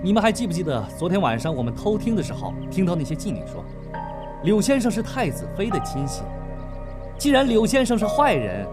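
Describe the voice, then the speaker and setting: A man's voice: high-pitched, sing-song, fairly quick, over music. A man playing a cocky modern young man trapped in an ancient-times game, talking boastfully and smugly in a comedy drama. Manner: boastful, smug.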